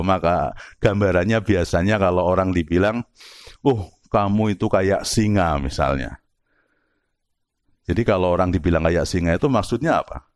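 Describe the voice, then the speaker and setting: Lively low-voiced man teaching philosophy. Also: dry recording, studio quality. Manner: explains with rhetorical questions and examples; mixes in Arabic and Javanese words. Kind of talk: lively religious study lecture.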